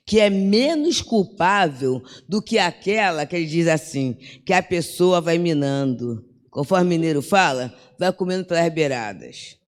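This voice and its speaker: An older woman giving a religious lecture, talking in a conversational way with frequent tag questions and acted-out bits of dialogue. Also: low voice. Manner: conversational, peppers with "né?", acts out dialogue. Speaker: spiritist lecturer. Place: lecture hall at a spiritist center. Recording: long hall reverb.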